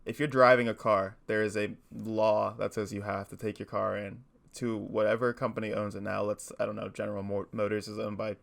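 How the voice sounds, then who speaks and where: A man's voice: fairly low pitch, flat delivery, a little fast, creaky, few pauses, fairly bright tone. A man co-hosting a podcast, chatting casually and rambling with frequent laughs. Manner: rambling, laughs often, playful. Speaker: podcast co-host. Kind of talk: casual chat.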